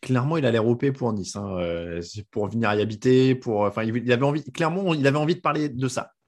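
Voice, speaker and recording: A man's voice: mid-range voice, fast talker, darkish tone. A man hosting a podcast, chatting casually and plugging the show's social media. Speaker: podcast host.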